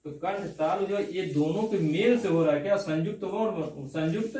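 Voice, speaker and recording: High-voiced male teacher in an echoey classroom. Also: normal speed, dark tone. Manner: checks understanding with repeated "theek hai na?". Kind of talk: classroom lecture on Hindi grammar. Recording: echoey room, distant mic.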